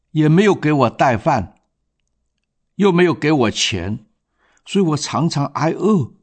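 A man voicing a frightened nine-year-old boy who answers quietly and tearfully, in slow storytelling speech. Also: fairly high pitch.

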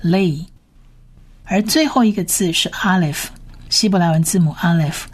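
A woman teaching how to read Hebrew words, spelling out each sound and repeating it slowly. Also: on the low side, breathy edge. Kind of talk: slow reading lesson.

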